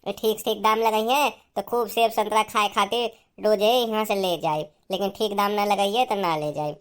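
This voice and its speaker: A woman's voice: mid-range voice, normal speed, lightly acted. Cartoon: woman voices a timid, nervous young village woman with an Awadhi accent. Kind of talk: cartoon voice acting.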